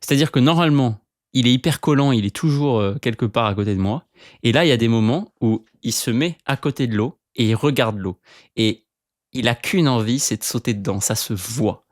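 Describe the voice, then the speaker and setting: A man hosting a casual solo podcast, telling stories in an animated way with lots of filler sounds, recorded at home in front of a bookshelf. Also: mid-range voice, fairly quick, no echo, studio quality. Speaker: podcast host.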